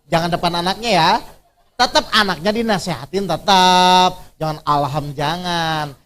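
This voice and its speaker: A man with a high, ringing voice leads a religious workshop like a lively conversation. He keeps throwing questions at the audience and teases them with homely examples, the tone bright and cutting through. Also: normal speed. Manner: quizzes the audience with constant questions; conversational, teasing, plain everyday examples. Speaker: Islamic preacher leading a workshop. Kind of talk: interactive religious workshop talk.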